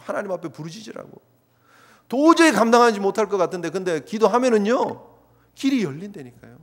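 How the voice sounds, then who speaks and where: A male pastor preaching a fervent sermon, urging his congregation and acting out prayers along the way. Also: sits high. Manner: fervent, exhorting, voices prayers as asides. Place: church sanctuary. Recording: long reverb of a church hall.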